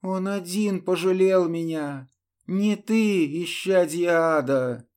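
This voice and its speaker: A fierce, defiant young woman, as a male reader puts her on in an audiobook. The voice is pitched well above his own and pushed loud and strained, desperate and unyielding. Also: slow, clean tone. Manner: raised, strained, defiant outbursts. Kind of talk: audiobook character voice.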